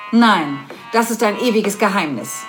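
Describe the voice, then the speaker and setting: A woman voicing a lecherous old nobleman in a read-aloud story, speaking his lines low and hushed. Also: expressive, measured pace, soft background music, close to an everyday voice. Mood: urging. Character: lecherous old nobleman, pleading then submissive.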